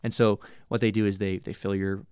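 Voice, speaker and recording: A man's voice: on the low side, level tone, fairly quick, mellow, smooth, no room sound, studio quality. A young man chatting casually and rambling in a laid-back way, swearing now and then. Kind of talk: casual chat.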